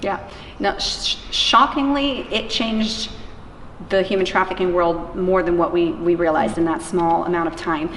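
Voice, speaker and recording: A woman who works against human trafficking answers interview questions about her job informally and emphatically, acting out quotes to make her points. Her voice is fairly low, a bit bright, at normal speed, recorded in an echoey, reverberant room with clear background noise.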